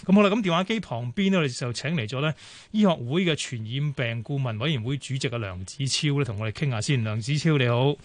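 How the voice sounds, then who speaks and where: A man with a Hong Kong Cantonese accent hosting a radio phone-in show, brisk and full of fillers. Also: mid-range voice, lively intonation. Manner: brisk, many fillers and pauses. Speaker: radio talk show host.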